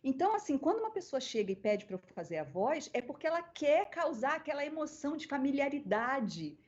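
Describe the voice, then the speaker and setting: A woman with a Brazilian accent, a guest voice actress on a podcast, telling stories in an animated way. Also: high-pitched, a little fast. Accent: Brazilian Portuguese. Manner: animated storyteller, acting out quoted voices. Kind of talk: casual interview storytelling. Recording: dull lo-fi podcast audio.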